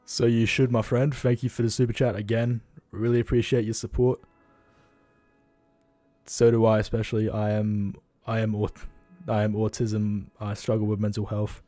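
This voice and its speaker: A tired young Australian man chats through a livestream in a loose, rambling way, blunt and quick to swear. His voice sits low and mellow, with a dry, close sound and faint music behind him. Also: completely flat delivery, dry recording. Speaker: livestream host. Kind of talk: casual livestream chat.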